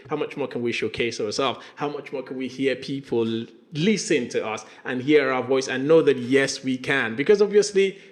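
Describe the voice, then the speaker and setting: A man hosting an interview show, opening with playful, animated hype and bouncy repetition. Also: on the high side. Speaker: podcast host. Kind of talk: energetic interview banter.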